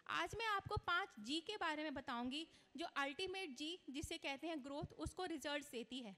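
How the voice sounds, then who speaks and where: Woman speaker at a conference, high voice, earnest teaching tone, hall echo. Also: animated, moderate pace, sharp tone. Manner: earnest, instructive, mixes English words into Hindi. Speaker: astrology speaker. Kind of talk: conference speech. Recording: long reverb of a large hall.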